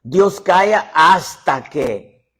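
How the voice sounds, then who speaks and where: A man preaching a sermon, animated, swinging between loud exclamations and hushed whispers, often calling out to his listeners as brothers. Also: on the high side, very slow, breathy edge. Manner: addresses listeners as "hermano". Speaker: apostle preaching.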